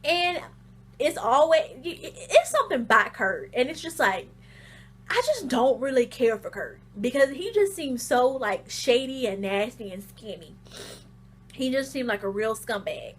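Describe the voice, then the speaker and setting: A woman with a high, light voice giving a chatty reality TV recap. She tells it as an animated story and acts out the scenes, with loose slangy talk and plenty of fillers. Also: unhurried, slightly rough. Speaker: reality TV reviewer. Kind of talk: casual recap and commentary.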